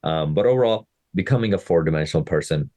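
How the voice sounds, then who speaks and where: A man in his thirties from Pakistan speaks in a low, deep voice on his podcast. He coaches fitness and talks casually to his listeners, often checking in with them. The recording is close and dry, with no room sound. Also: animated, fast talker, dark tone, no room sound. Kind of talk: casual motivational podcast monologue.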